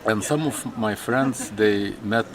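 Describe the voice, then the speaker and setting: Slow-spoken Lithuanian-accented man, noisy backdrop. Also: lowish voice. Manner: slow, halting, with many restarts. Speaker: interviewee. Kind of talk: personal interview.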